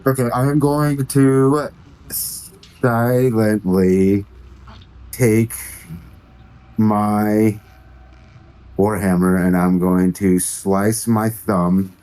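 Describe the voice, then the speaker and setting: A man plays a tabletop game in casual, sweary chat. His voice is low and mellow, and he talks slowly and hesitantly as he works out his moves. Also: low-quality recording.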